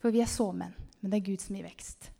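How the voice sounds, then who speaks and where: A woman giving an animated, emphatic testimony sermon about a vision, sometimes calling out loudly to the listeners. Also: mid-range voice, gravelly. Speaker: speaker sharing a vision. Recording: long hall reverb.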